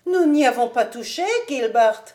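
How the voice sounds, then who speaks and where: Woman voicing a timid young wife, anxious, stammering, high pitch. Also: lively intonation, normal speed, mellow, natural voice.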